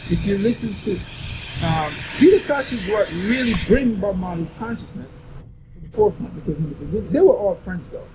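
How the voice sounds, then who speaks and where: Jamaican man, Rasta-style speech, fairly high voice, casual storytelling, repeated phrases, loud vehicle-like rumble behind. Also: expressive, a little fast. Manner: emphatic repetition of phrases. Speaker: storyteller explaining reggae history.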